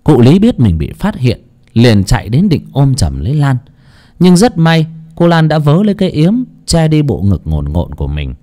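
Dramatic male storyteller with a warm, mellow voice. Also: mid-range voice. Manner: dramatic, rising and falling with the action. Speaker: audiobook narrator. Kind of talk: scripted storybook narration.

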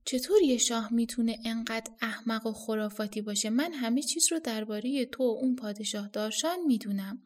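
A woman voicing a stern, commanding old male hermit sage who scolds slowly and weightily in a storybook reading. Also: on the high side, close to an everyday voice. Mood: scolding. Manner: slow, scolding, weighty delivery.

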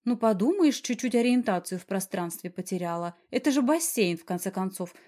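A woman's voice: lively intonation, a little fast, close to an everyday voice. A woman reading an audiobook and voicing a feisty young woman who protests indignantly in a raised voice. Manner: indignant, higher bright tone.

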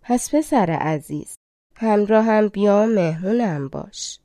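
A woman reading the lines of a proud, quick-tempered king in a storybook, close to her own mellow voice. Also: mid-range voice, animated, no room sound, natural voice. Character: proud middle-aged male king, quick to anger.

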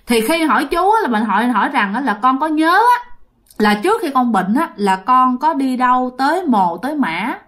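A woman with a Southern Vietnamese accent telling a ghost story, speaking straight to her listeners. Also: high-pitched. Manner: lively, addresses listeners directly.

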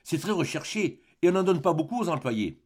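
A meek clerk husband from a classic storybook, eager to please, as a male reader puts him on. His pleading voice leaps high on his eager phrases and swings widely. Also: sing-song, brisk, darkish tone. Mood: coaxing. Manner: earnest, pleading, stammering.

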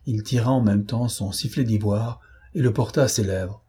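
A man narrating a novel as an audiobook in a measured, steady way. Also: lowish voice, slightly rough.

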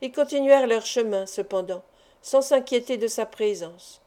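A woman giving a measured, expressive audiobook narration. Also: a little high. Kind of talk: scripted literary narration.

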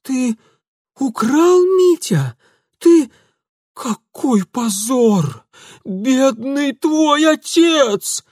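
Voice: high-pitched, lively intonation, unhurried, hardly any pauses, fairly bright tone, dry recording, studio quality, pitched above the performer's own voice. A reader voicing a hysterical elderly aunt who shrieks and wails in horror. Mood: horrified wailing. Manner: shrieking, wailing.

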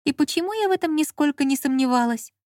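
Бойкая насмешливая молодая женщина, которую озвучивает чтица звонко и напористо отчитывает собеседника, голос заметно выше и громче обычного. Запись сухая, без эха. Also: female voice, sits high, expressive, moderate pace, no room sound, studio quality, voice pushed up. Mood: mocking. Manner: mocking, emphatic. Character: bossy sharp-tongued young woman, fussing.

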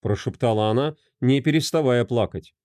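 A man narrating a crime novel as an audiobook, with expressive storytelling. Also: medium pitch, normal speed, dry recording, studio quality.

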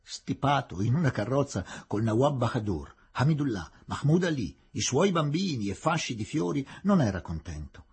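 A man reading a novel aloud in a theatrical, expressive way with a husky voice. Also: medium pitch, moderate pace, hardly any pauses. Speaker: audiobook reader. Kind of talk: dramatic literary reading.

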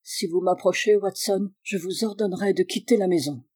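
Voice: medium pitch, normal speed, darkish tone, dry recording, lightly acted. Un lecteur qui fait parler un détective malade et autoritaire, d'un ton sec et impérieux. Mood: curt. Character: feverish, imperious male detective, commanding.

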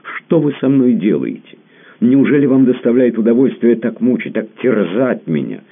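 A man's voice: sits low, expressive, moderate pace, voice pushed up. A man voicing a young count, distraught, jealous and pleading. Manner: agitated, pleading, crying out. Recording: lo-fi phone-like audio.

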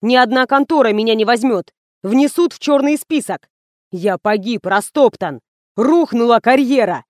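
Woman voicing young male ad manager, bossy, panicky, loud, dry close sound. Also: on the high side, moderate pace, dry recording, natural voice. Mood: panicked.

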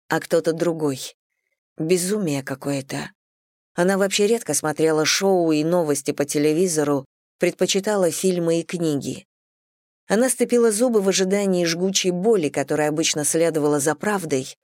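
An audiobook narrator reading a thriller novel in an even, steady storytelling manner. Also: medium pitch, no room sound, clean studio sound.

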